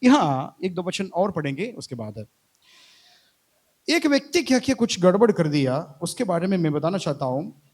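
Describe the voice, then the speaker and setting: A man with a high voice preaches a sermon in a church. He leads the congregation through scripture, repeating each line after them and breaking into calls of hallelujah. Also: sing-song, normal speed. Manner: preaching with call-and-response Bible reading and repeated hallelujahs. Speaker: pastor. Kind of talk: Hindi sermon.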